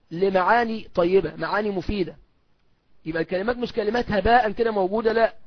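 Teaching a recorded course lecture, a high-pitched man with an Egyptian Arabic accent explains things step by step, asking questions and answering them himself. He slows right down to recite verse. The recording is dry and dull.

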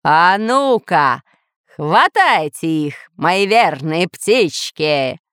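A woman voicing a boastful masked villain who booms out threats and gloats. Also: sing-song, very slow, fairly bright tone, smooth, no echo, full character voice. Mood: menacing. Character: boastful masked villain, self-styled ruler of the island.

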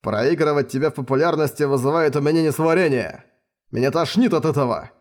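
A man's voice: fairly high pitch, a little fast, close to an everyday voice. A man voicing an arrogant, scornful male commander who barks orders in an audiobook.

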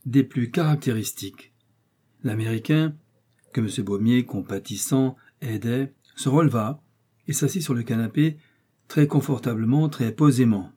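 A man reading a detective novel aloud with a dramatic, lively delivery. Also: mid-range voice, moderate pace, slightly rough. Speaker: audiobook narrator. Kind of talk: scripted narration of a detective novel.

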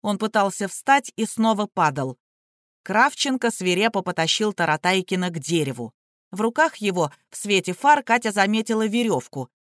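A woman reading a novel aloud as audiobook narrator, in an even, expressive manner. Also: medium pitch, moderate pace, no room sound, studio quality.

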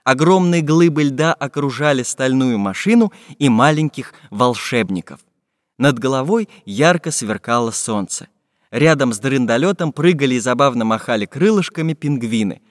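A man narrating a children's fairy-tale audiobook in a lively, expressive storytelling manner. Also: mid-range voice. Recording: dry studio voice with long reverb.

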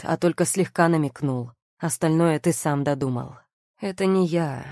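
A woman's voice: low voice, dark tone, no echo, clean studio sound. A woman reading the lines of a scheming, mocking male nobleman in an audiobook, in a coolly sneering, self-justifying manner.

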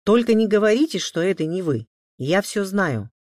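A man's voice: sits high, big pitch swings, moderate pace, darkish tone, no echo, clean studio sound, voice pushed up. A man voicing a stern but kind father in an audiobook, who questions his children sternly with mock threats.

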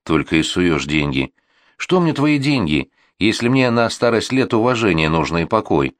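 A man's voice: fairly low pitch, big pitch swings, moderate pace, dry recording. A man voicing a bitter, reproachful old village grandmother in an audiobook reading, with a scolding, folksy manner. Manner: scolding, complaining, folksy speech.

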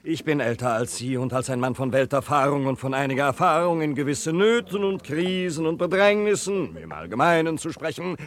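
Actor as a long-winded, grandiloquent middle-aged gentleman, lively intonation, radio play. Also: fairly high pitch, a little fast, few pauses, lightly acted. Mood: weary, grandiloquent. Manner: flowery, pompous, long-winded. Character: pompous, impoverished older gentleman, long-winded. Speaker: Mr Micawber. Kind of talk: 1950s radio play acting.

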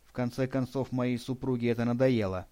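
A man narrating an audiobook in a steady, even storytelling read. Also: mid-range voice, fairly quick. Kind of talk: scripted narration.

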